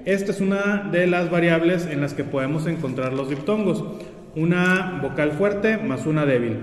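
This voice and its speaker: A man's voice: on the high side, moderate pace. A male teacher giving a spelling lesson, patiently repeating examples and checking in with "¿ok?" between points. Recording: echoey room with long reverb.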